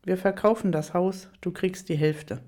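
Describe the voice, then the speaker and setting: A cornered rich husband, defensive and pleading, voiced by a woman reading aloud. The tone sits low and mellow. He tries to placate and talk his way out. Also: moderate pace, natural voice. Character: wealthy cheating husband, flustered middle-aged man.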